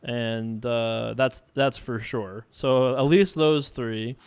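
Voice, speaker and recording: Hosting a poker show, a man from Long Island, New York, with an American accent answers viewer questions conversationally and ramblingly, often saying "you know." His mid-range voice is steady, slow, darkish, clear, and resonant.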